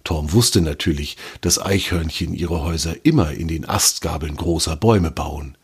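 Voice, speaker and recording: A man reading a children's story aloud in a calm, even storytelling manner. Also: very deep voice, normal speed, breathy edge.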